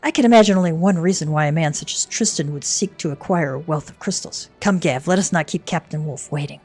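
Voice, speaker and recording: A woman voicing a composed female investigator from a fantasy game, with formal, measured delivery in a low voice. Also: a little mellow, breathy edge, faint music behind. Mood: resolute.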